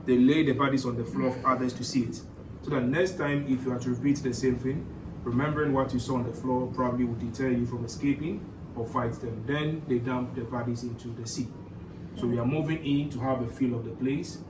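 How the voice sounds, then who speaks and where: A man's voice: medium pitch, fairly even intonation, a little fast. Man, guided tour narration, echoing stone rooms, recorded at a distance, noisy background. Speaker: tour guide at a historic castle. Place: inside stone castle cells and passages. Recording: echoey stone chambers, distant mic, clear background noise.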